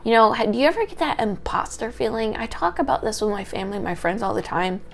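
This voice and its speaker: In an unedited personal vlog with slight background noise, a young adult history student speaks fast and expressively into a small handheld microphone. Her small, light voice is a little high with vocal fry, and she rambles, tripping over words as she goes.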